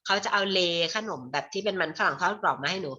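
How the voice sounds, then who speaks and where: Teaching children English online, a woman with a Thai accent alternates Thai with slow English she spells out carefully, calling her viewers "child." Her voice is on the low side, sharp with a breathy edge, and the sound is lo-fi.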